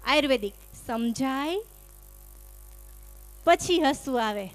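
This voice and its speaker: Woman, stand-up comic, high voice, teasing, acts out dialogue, stage mic. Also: animated, takes it slowly, soft background music. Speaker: stand-up comedian. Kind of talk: live stand-up storytelling. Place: stage before a live audience. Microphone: stage microphone.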